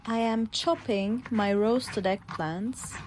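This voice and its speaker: Slow-speaking woman. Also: fairly high pitch, darkish tone, a little hiss or hum. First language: Turkish. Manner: plain, simple sentences describing each step. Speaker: English teacher narrating a cooking video. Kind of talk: slow narration for language learners.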